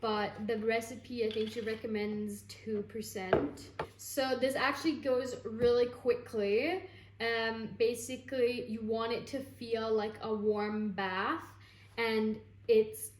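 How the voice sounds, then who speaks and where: A woman's voice: a little high, reverberant. A young woman chatting casually as she walks through a home baking recipe step by step. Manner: chatty, relaxed, explaining as she goes. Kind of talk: casual step-by-step cooking chat. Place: home kitchen.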